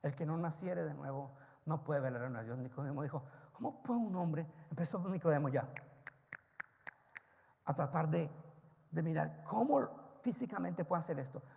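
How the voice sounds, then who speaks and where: A male pastor preaching a sermon, firing rhetorical questions at the congregation and swinging between loud, emphatic rises and soft, low asides. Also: animated, normal speed, creaky, long pauses, lo-fi sound, slight background noise. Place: church sanctuary. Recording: long church-hall reverb.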